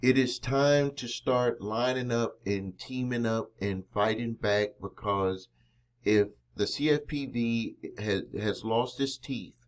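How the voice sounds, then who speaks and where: Man, American accent, consumer-advice vlogger, mid-pitched voice, emphatic, indignant, rhetorical questions, direct address. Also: takes it slowly. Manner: emphatic, indignant, punches key words and asks rhetorical questions. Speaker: credit repair business owner and video host. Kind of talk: explanatory consumer-advice vlog, talking to viewers.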